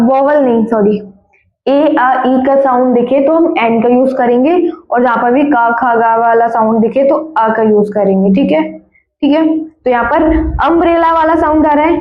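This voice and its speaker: Woman teacher, high voice, repetitive quizzing style, echoey lo-fi room recording. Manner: repeats words and keeps asking students questions; corrects her own slips with quick apologies. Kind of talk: classroom grammar lesson. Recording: echoey room, dull lo-fi sound.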